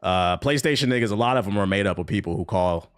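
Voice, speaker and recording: Young guy streaming game news, super animated, trash-talks everybody, voice bouncing all over. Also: on the low side, fast, loud music behind the voice. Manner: animated, profane, mocking banter. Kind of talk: casual live-stream commentary.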